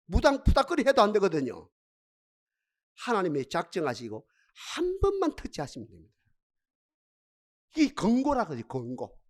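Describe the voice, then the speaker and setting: A man's voice: high voice, a little mellow. A man preaching a sermon as pastor in a church, with repetitive, rhythmic refrains and emphatic delivery. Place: church sanctuary.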